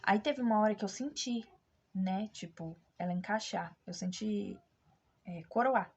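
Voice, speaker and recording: A woman's voice: medium pitch, a little slow, a little mellow, husky. A young woman with a Brazilian Portuguese accent, candidly telling a personal story to her vlog audience and acting out the people she quotes. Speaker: vlogger. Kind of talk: casual storytelling to camera. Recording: dull lo-fi recording.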